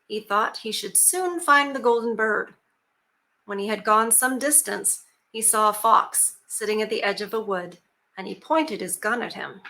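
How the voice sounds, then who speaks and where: A YouTube storyteller reads a fairy tale in a mid-range voice with a bright, sharp edge. Her style is conversational, with offhand remarks and filler words scattered between even passages of storytelling.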